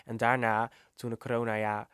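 A young man hosting a casual student chat, relaxed and chatty. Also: mid-range voice, moderate pace, clear, resonant tone, no echo, clean studio sound. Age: young adult. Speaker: podcast host.

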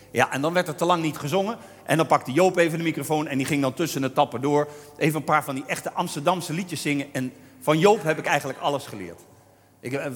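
Man, humorous storyteller, slightly high voice, long reverb, lively delivery. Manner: lively, imitates Amsterdam singers with drawn-out vowels. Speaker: storyteller on stage.

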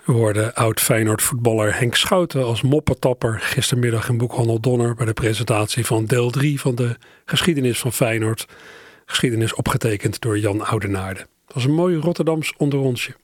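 A man's voice: medium pitch, a little fast, no echo. Dry-sounding male radio presenter. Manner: conversational, aside-filled introductions.

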